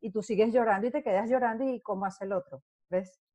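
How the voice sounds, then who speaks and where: A woman's voice: medium pitch, quick pace, dry recording. A middle-aged woman, an actress, telling stories in a casual interview and acting out the scenes she describes. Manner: animated storyteller who acts out scenes.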